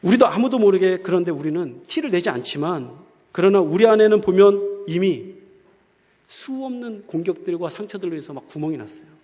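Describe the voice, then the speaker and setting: A man's voice: sits high, lively intonation, fairly quick, darkish tone. Guy preaching a casual sermon, lots of rhetorical questions, long echo of a big church hall. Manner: asks the crowd rhetorical questions, colloquial. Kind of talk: conversational sermon.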